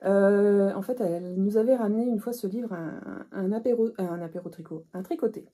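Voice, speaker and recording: A woman's voice: mid-range voice, normal speed, warm tone, slightly rough. A middle-aged woman hosting a knitting podcast, chatting casually with frequent hesitations and restarts. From northern France. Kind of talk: casual chat to camera.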